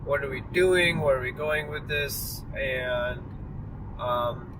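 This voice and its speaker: A man's voice: mid-range voice, slow pace. A tired young man rambling through a casual driving vlog, full of fillers and apologies. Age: young adult. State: tired and yawning. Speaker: vlogger. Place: inside a moving car. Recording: distant mic with clear road noise.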